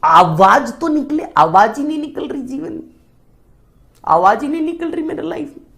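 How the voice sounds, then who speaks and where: A man's voice: very high voice, normal speed, gravelly. Chatty man telling a funny story. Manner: chatty, with frequent rhetorical asides to listeners; self-mocking, animated delivery. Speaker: motivational speaker. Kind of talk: humorous storytelling talk.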